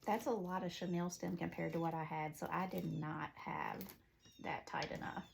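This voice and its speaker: A woman's voice: lowish voice, little pitch movement, moderate pace, creaky, a little hiss or hum. A woman with a Southern accent giving a chatty, rambling wreath-making tutorial at home. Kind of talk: casual craft tutorial.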